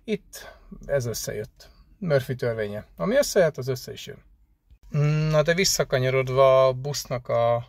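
A man rambling conversationally in a casual vlog, pausing often with hesitation fillers. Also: medium pitch, expressive, gravelly, no room sound, studio quality. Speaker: delivery van driver vlogger.

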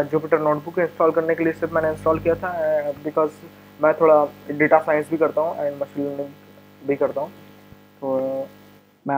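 Indian guy rambling thru a coding tutorial, kinda high voice, lots of uh and restarts. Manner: chatty, mixes Hindi and English, many fillers and restarts. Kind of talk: casual screen-recorded tech tutorial.

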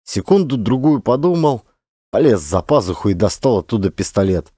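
A man reading an adventure audiobook in an expressive, dramatic narration. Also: on the low side, moderate pace, slightly rough, no room sound, clean studio sound. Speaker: audiobook reader.

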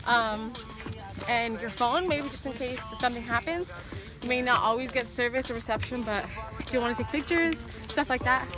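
With music in the background, this fitness vlogger in her twenties speaks at a moderate pace in a fairly high voice. She's walking a hillside trail and giving fitness tips, chatty and heavy on the "um"s, with a camera carried next to her.

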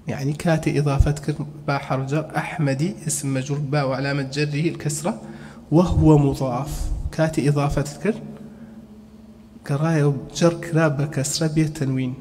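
A man teaching a grammar lesson step by step, asking questions and then answering them, and slowing down to spell out each example. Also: a little high, warm tone. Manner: explains step by step, asks and answers his own questions, spells out examples slowly. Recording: long reverb, faint background hum.

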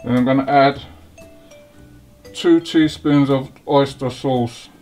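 A man hosting a home cooking video, talking slowly and haltingly through each step of a recipe in his kitchen. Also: medium pitch, fairly even intonation, darkish tone. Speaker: cooking channel host. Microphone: off-camera, hands-only framing. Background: sizzling wok, faint music.

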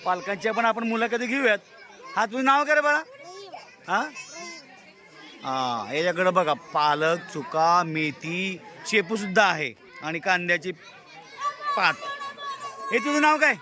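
A reporter with a Marathi accent tours a school market, giving cheerful, casual walkaround vlog commentary as he exclaims and asks children their names at the outdoor fair. His high voice has lively intonation, a measured pace and long pauses. A busy crowd and loud outdoor noise fill the background.

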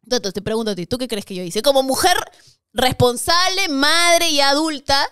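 A woman's voice: sits high, moderate pace, no echo, clean studio sound. A young adult woman with a Peruvian Spanish accent, a podcast guest who tells stories in casual chat, laughing often and acting out what people said. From Peru. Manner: animated, laughs often, acts out quoted voices.

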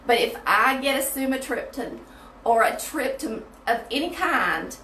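Speaking to viewers from a small tiled bathroom, this woman keeps her casual Bible study livestream folksy and chatty. Her pitch sits high and her delivery is sing-song, unhurried, bright and forceful, though she's far from the mic, so the sound is hollow and echoey with faint hiss.

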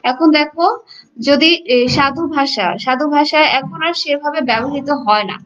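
A woman's voice: sits high, measured pace, a bit bright. A woman teacher from Bangladesh explaining a lesson to her students, addressing them directly with frequent fillers. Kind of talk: online class lecture. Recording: dull lo-fi audio.

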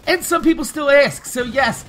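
Bright-voiced, candid young man. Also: extremely high pitch, normal speed, slight background noise. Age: 20s. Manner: candid, rambling, swears freely. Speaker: gaming YouTuber. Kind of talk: casual talk over gameplay.

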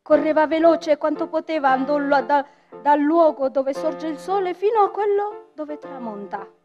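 A woman storyteller and writer reads a tale expressively from a theatre stage, speaking straight to the audience in a high voice at a moderate pace. The stage recording is dull and lo-fi, with faint music underneath.

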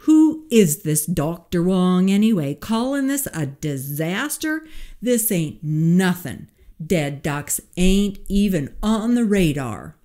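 A man's voice: a little high, unhurried, lightly acted. A woman doing a drawling, blustering oil boss. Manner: drawling, yelling.

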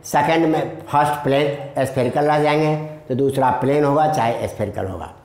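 A male physics teacher giving a video lesson, dictating notes slowly and repeating words, calling his students children. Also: mid-range voice, darkish tone. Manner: addresses students fondly as children. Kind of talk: classroom lecture in a video lesson. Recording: echoey room.

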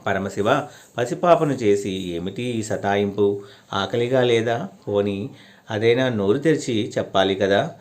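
Pleading little girl, as a male storyteller puts her on, coaxing, low-pitched storybook voice. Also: a little slow, close to an everyday voice. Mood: begging.

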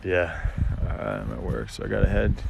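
A gravelly, low-sitting voice comes from an American man in his thirties, very animated yet moderately paced, chatting casually and rambling on a livestream. He holds the phone at arm's length outdoors in rural open country, and the lo-fi recording carries ambient noise.

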